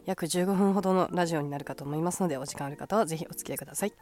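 A woman's voice: fairly low pitch, very fast, darkish tone. A woman hosting a casual solo radio talk show with a stuffy, nasal voice, chatty and full of fillers and upbeat asides.

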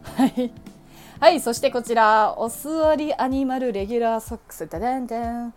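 A woman's voice: on the high side, normal speed, faint music behind. A young woman chatting casually about her shopping, adding playful sound effects. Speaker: vlogger. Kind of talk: casual shopping haul vlog.

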